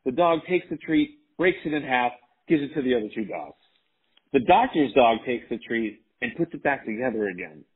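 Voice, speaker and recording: American man, casual host, slightly raspy, raised pitch, tinny call audio. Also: expressive, moderate pace. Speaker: podcast host. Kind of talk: casual chat. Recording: narrow phone-like call audio.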